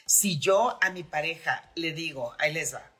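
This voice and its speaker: Middle-aged Mexican woman host, frank and chatty, husky timbre, low pitch. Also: normal speed, a bit bright. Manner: frank, chatty, with many fillers. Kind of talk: podcast advice talk.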